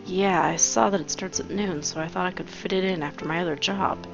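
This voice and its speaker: A woman's voice: fairly low pitch, steady tone, a little fast, vocal fry. Woman doing an easygoing young bird guy. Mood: casual. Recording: dull lo-fi with game music.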